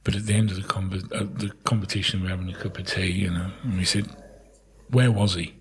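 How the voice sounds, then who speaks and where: A man's voice: low-pitched, flat delivery, rapid-fire, fairly bright tone, slight background noise. A middle-aged man, a town crier being interviewed, telling anecdotes in a casual, chatty way and often repeating words as he goes.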